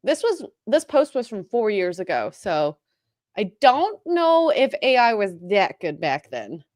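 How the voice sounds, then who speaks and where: A woman's voice: medium pitch, big pitch swings, a little slow, a little mellow, no room sound, clean studio sound. A woman co-hosting a podcast, chatting casually, reading viewer messages aloud and laughing often. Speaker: podcast co-host.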